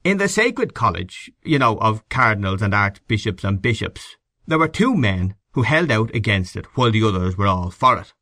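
An authoritative, thick-set Irish gentleman acted by a male reader holds forth in a literary story. His raucous delivery swings widely and dramatically, in a close, dry recording. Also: sing-song, normal speed, dry recording, full character voice. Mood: holding forth. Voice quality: deep, raucous. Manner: emphatic, holding forth. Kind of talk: audiobook character acting.

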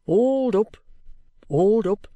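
A woman's voice: mid-range voice, animated, drawn-out words, dark tone, no room sound, highs cut off. A woman voicing a bluff, good-humoured male police inspector in an audiobook, cajoling heartily in colloquial speech. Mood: hearty coaxing. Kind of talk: audiobook character acting.

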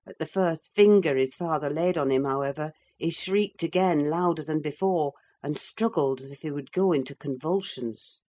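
A woman narrating a classic novel in the first person with a measured, expressive reading. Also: sits low. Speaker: audiobook narrator.

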